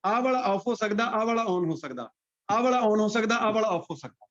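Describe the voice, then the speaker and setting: Brief: Punjabi male physics teacher, fairly high voice, drills students, lo-fi sound. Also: animated, fairly quick, fairly bright tone. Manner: quizzes students by name, repeats points. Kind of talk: classroom lecture. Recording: dull lo-fi classroom recording.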